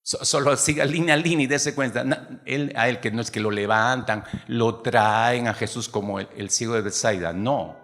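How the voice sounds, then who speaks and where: A man preaching a sermon to his congregation, lively, acting out the voices of people in the story. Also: mid-range voice, moderate pace, few pauses, in a large hall. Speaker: pastor.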